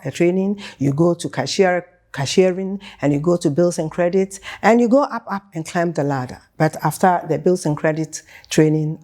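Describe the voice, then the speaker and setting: A woman in her seventies, speaking as an interview guest, has a lowish, mellow voice and a Ghanaian accent with a British touch. She tells her life story in a conversational way, hesitating and repeating phrases for emphasis.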